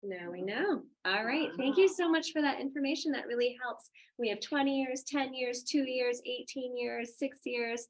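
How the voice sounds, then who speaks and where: A woman's voice: mid-range voice, gravelly, poor audio. A woman from Germany presenting informally and upbeat as a yoga teacher and webinar host. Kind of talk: casual presenting and personal storytelling.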